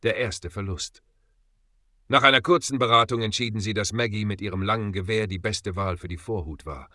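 A man reading a story aloud as the narrator in a steady, dramatic way. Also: on the low side, fairly quick, no echo, studio quality. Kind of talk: scripted audiobook narration.

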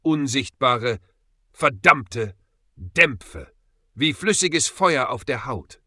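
A man voicing an impulsive, hotheaded young male mercenary who curses loudly. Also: mid-range voice, lively intonation, moderate pace, breathy edge, no echo, studio quality. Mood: pained. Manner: loud, cursing, shouts in pain.

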